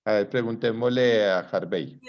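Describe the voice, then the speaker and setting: A man with a voice on the low side talks at normal speed while teaching psychology live. Conversational throughout, he often uses rhetorical questions to check whether students follow. The audio is a dull lo-fi recording.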